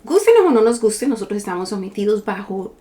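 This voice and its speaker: Middle-aged woman bible teacher, deliberate scripture reading, rhetorical questions, mid-pitched voice. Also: very animated, dark tone.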